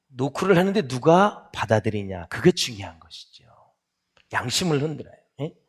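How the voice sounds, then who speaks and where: Husky pastor preaching with lively pitch swings. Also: male voice. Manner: swings from loud exclaiming to soft near-whispered asides; asks the congregation questions and answers them himself. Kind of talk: sermon. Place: church sanctuary.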